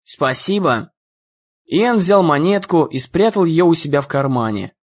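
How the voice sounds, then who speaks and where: A man reads a story aloud in a steady, scripted delivery, voicing every character himself and lifting his voice for the shouts. His voice sits a little high for a man. The audio is muffled and lo-fi. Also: moderate pace. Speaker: audiobook narrator. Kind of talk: scripted narration. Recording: dull lo-fi audio.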